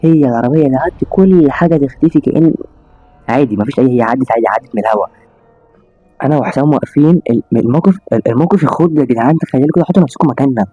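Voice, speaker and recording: A man with an Egyptian accent casually telling a spooky story to his listeners, animated and full of exclamations and restarts. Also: mid-range voice, very fast, dry recording. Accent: Egyptian Arabic. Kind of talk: casual spoken storytelling to an audience. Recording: slightly dull audio with faint music.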